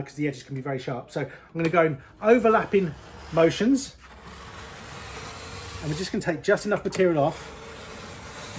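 A middle-aged British man with a slightly raised voice walks through workshop repairs in a practical, easygoing way, pausing with fillers as he works. He is recorded on a nearby camera mic in a small indoor workshop. A faint hiss of noise sits under his voice. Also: a little high. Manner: practical, explanatory, relaxed with fillers. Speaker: ski technician. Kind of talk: hands-on workshop demonstration.

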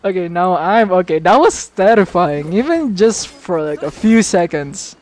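A man streaming a game, chatting casually and excitably, swearing freely as he talks to his viewers. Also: sits high, unhurried. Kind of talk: casual live-stream chat.

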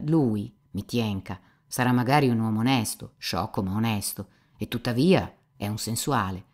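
A woman's voice: rumbling low, darkish tone. A woman voicing a cynical, gossipy young male seminarian who mocks and insinuates, in an audiobook reading. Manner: mocking, insinuating, talkative.

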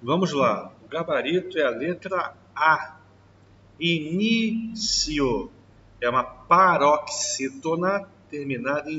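A man's voice: medium pitch, sharp tone, a little hiss or hum. A man, a teacher walking through an exam question and stretching out the key words. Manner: slow, drawn-out stress on key words. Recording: distant, dull mic in reverberant room.

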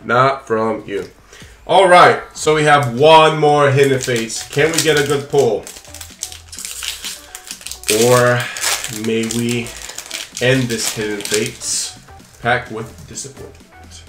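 This young man's channel is all about opening trading cards, and here he casually jokes with viewers and his pet while commenting on each pack. He speaks slowly in a mid-range voice with frequent pauses. The small room at home sounds echoey, and he talks over music.

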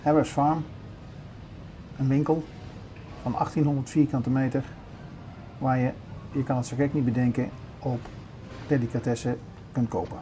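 With a mid-range, dark voice and a flat delivery, an older vlogger narrates his stroll around a big supermarket at a moderate pace, pausing often. He chats and shows things along the way, over a little hiss or hum.

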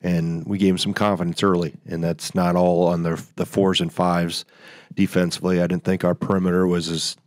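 A middle-aged man, a head coach, breaking down a game at a postgame press conference in a measured, analytical way. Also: deep voice, little pitch movement, dry recording. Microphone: table mic.

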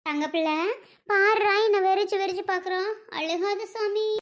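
A woman playing an older mother-in-law and grandmother who talks slowly and coaxingly. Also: very high-pitched. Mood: tender. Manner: slow, soft, coaxing talk. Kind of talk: family skit acting.

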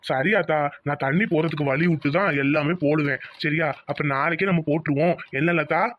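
A man's voice: fairly high pitch, steady tone, fairly quick, lo-fi sound, a little hiss or hum. A man voicing a reassuring village father in a cartoon series.

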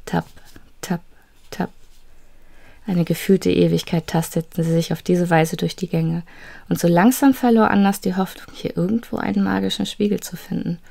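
A woman reads a children's fantasy story aloud in a steady, suspenseful way. Her voice sits fairly low and carries a gravelly, creaky texture. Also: fairly quick. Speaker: narrator. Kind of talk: storybook narration.

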